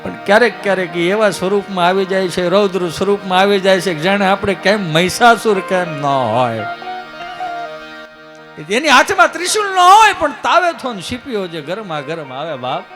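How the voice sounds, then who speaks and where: Over music, a stand-up comedian with a high, expressive voice talks a little fast and barely pauses. On a live stage at a religious gathering he tells Gujarati folk comedy stories, taking on shifting voices for the characters' dialogue.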